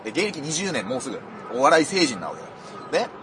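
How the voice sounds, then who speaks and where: A male comedian co-hosting a casual radio chat, telling stories rowdily with coarse slang and loud outbursts. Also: on the high side, big pitch swings, quick pace, background noise. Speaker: comedian co-host.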